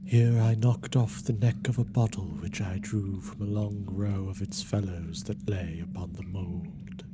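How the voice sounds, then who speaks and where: A male narrator reads a gothic tale with formal, dramatic weight. His voice is very deep and his pace slow and measured, over prominent music. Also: fairly even intonation. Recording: loud music behind the narration.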